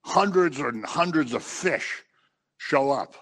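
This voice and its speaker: A man preaching a sermon in a conversational, animated way, acting out the voices of the people he quotes. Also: on the high side, takes it slowly. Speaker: pastor.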